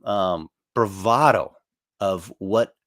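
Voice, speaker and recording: A middle-aged man tells a story during a motivational talk, in a loose and conversational way with a few restarts. His voice sits fairly low. The sound is dry, with no room echo. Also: takes it slowly, a bit bright. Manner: storytelling, acts out quoted voices with jumps in pitch; loose, chatty with fillers and restarts. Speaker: motivational speaker.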